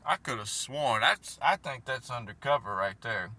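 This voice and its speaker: A man vlogging in a casual, rambling, playful way, halting as he goes, with a whistling S. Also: mid-range voice, expressive, sharp tone. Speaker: vlog host. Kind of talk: casual rambling solo talk. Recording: noisy, car noise behind voice.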